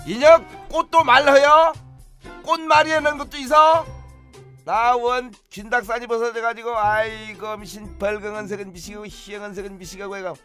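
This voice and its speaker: A middle-aged Jeju husband in a radio drama, speaking with a Jeju accent. His voice runs unusually high and bright, and he teases with quick exclamations. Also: flat delivery, soft background music. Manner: teasing, exclamatory banter.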